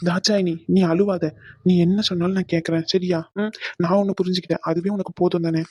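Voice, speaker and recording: Cartoon casting: a woman playing a gentle young groom, low mellow voice, quick placating talk. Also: level tone, a little hiss or hum, close to an everyday voice. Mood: soothing. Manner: coaxing, placating. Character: patient soothing young husband-to-be. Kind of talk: cartoon voice acting.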